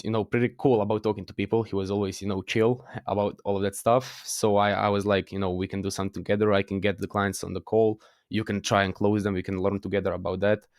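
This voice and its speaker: A man's voice: fairly low pitch, no echo, clean studio sound. A teenage man with a Croatian accent, a guest in a casual interview, talking hesitantly with many fillers and restarts. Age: teens. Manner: hesitant, frequent fillers and restarts, laughs at himself.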